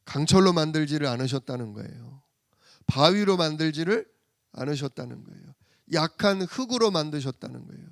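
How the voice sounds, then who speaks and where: A man preaching a sermon in church, asking rhetorical questions and answering them himself, swinging from loud emphasis to soft murmurs. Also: a little high, lively intonation, brisk, creaky, no echo, studio quality. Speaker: pastor.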